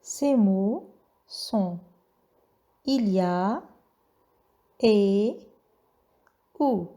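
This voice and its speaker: A woman teaching a reading lesson to young children, drilling syllables slowly and carefully. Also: mid-range voice, expressive, mellow.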